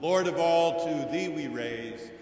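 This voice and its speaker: A man leading worship as pastor, speaking in a measured, solemn and formal way, his voice carrying a cathedral-like echo in a chapel. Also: fairly high pitch, darkish tone, soft background music. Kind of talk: formal liturgical address. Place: chapel sanctuary. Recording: echoey chapel radio broadcast.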